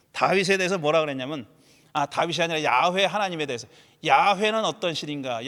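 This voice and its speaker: A man preaching a sermon as a pastor, animated, voicing laments and rhetorical questions. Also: high-pitched. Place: church sanctuary. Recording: church hall with long reverb.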